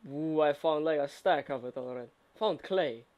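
A man's voice: on the high side, normal speed, highs cut off. A young man chatting casually and teasing his friend while they play a co-op game. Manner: teasing, joking. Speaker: gamer. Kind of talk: casual co-op gameplay chat.

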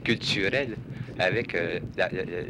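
Low-voiced hesitant Québécois man on a noisy street. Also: unhurried. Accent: Quebec French. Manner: hesitant, many fillers and repeated words. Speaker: passer-by in a street interview. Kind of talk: casual street interview answer. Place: outdoors near a university. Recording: 1967 archival street recording with noise.

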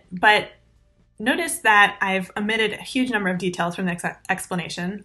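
Bright-voiced woman explaining database internals. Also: mid-range voice. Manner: clear, methodical technical explanation. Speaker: conference presenter. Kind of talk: recorded conference talk over slides.

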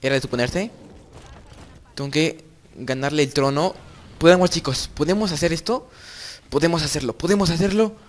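A young man giving excited gameplay commentary as host of his gaming channel, repeating phrases over and over. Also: a little high, normal speed, long pauses.

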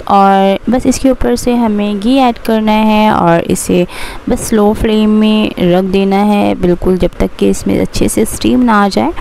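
A young woman gives a casual voice-over in her home kitchen, chatting through her cooking steps and explaining each one as she goes. Her mid-range voice is gravelly and dark, with a little hiss or hum.

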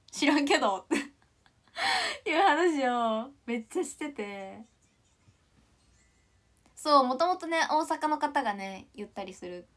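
A woman's voice: high voice, very animated, takes it slowly, long pauses, a bit bright. A young woman in her twenties from Ishikawa, chatting casually on a livestream with a mostly standard accent that slips into Kansai touches, giggling and reading comments aloud. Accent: mostly standard Japanese with Kansai touches. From Ishikawa, Japan. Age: 20s.

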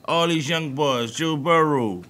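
A man's voice: a little high, measured pace, sharp tone. A man with a New Orleans accent co-hosting a podcast, talking sports in a loose, profane, emphatic way. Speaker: podcast co-host. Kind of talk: casual sports talk.

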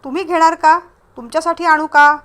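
Woman doing a chatty young guy at a bus stand, friendly, kinda loud, fairly high voice. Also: steady tone, fairly quick.

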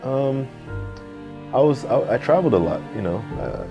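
A man's voice: medium pitch, lo-fi sound. A young man from Nigeria, a music producer, talking casually in an interview in a music studio, often saying "you know". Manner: relaxed, fills pauses with "you know".

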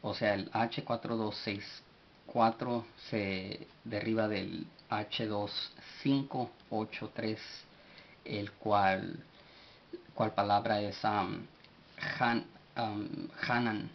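A man giving a vocabulary lesson, spelling words out letter by letter and pausing often with fillers. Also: fairly low pitch, fairly even intonation, vocal fry. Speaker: language teacher. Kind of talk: slow spoken vocabulary lesson. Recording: dull lo-fi recording with faint hiss.

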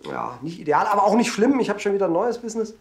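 A man's voice: high voice, sing-song, fast. A man playing a boastful middle-aged father who keeps starting new businesses, talking in a brash, chummy way. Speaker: visiting father. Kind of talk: sitcom acting. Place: barbershop set. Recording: music bed under dialogue. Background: music.

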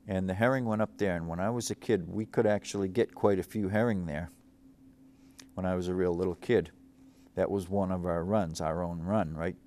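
A man's voice: low voice, darkish tone. A middle-aged man from Cape Cod hosting a local show, seated at a studio desk and wandering through reflective memories, full of fillers and restarts. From Cape Cod, Massachusetts. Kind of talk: rambling local-history monologue.

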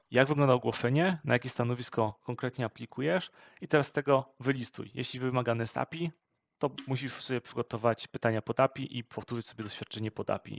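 A man co-hosting a vlog, giving steady advice with frequent hesitation fillers. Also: mid-range voice, gravelly, no room sound. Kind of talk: casual advice chat.

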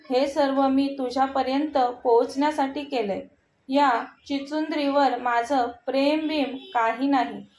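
A woman's voice: high voice, darkish tone, echoey room, rough recording. A woman voicing a cruel, scheming young man who taunts and threatens. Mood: mocking. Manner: taunting, sneering.

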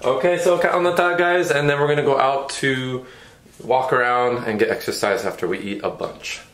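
At home indoors, a father rambles to a handheld camera in a relaxed, casual vlog chat. His mid-range voice keeps a moderate pace, and the room is echoey with clearly audible background noise.

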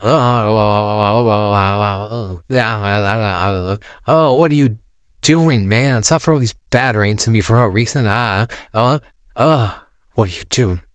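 A man's voice: on the low side, takes it slowly, clean tone, dry recording. A man voicing the Joker, a giddy male clown villain, in a singsong, teasing way for a comedic sung parody. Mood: mocking.

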